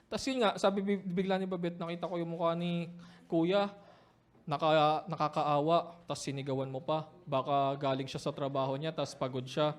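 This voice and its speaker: A man, a pastor telling a personal story in a sermon, moving between hushed reflection and loud, laughing retelling. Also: a little high, steady tone, moderate pace.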